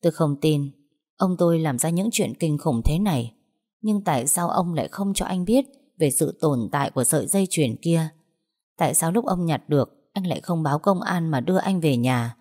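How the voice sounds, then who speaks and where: A woman reads a first-person story aloud from a script. Her voice sits low, with a dark, mellow tone. The telling is earnest and emotional. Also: animated, normal speed.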